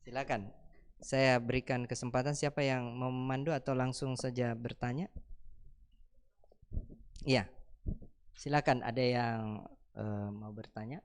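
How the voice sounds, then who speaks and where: A man's voice: mid-range voice, steady tone, a little slow, pauses often, clean tone. A man giving a church teaching talk. He laughs often, asks teasing rhetorical questions and acts out little mock dialogues.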